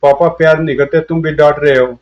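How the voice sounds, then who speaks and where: In a comic storybook reading, a man with a higher, steady, natural voice speaks briskly as an old man over seventy who whines and pleads like a six-year-old boy. The audio is dull and lo-fi.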